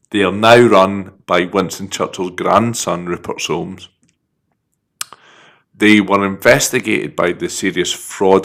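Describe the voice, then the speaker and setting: A man's voice: low-pitched, a bit bright. A man with a Scouse accent, co-hosting a casual podcast chat, running through facts with jokes and laughs. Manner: jokey, reads facts out between laughs. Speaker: podcast co-host.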